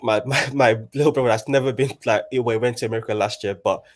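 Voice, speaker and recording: A man's voice: mid-range voice, fairly even intonation. A man in his twenties from Nigeria, talking in a casual group chat and often restarting his sentences as he thinks aloud. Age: 20s. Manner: halting, with many restarts.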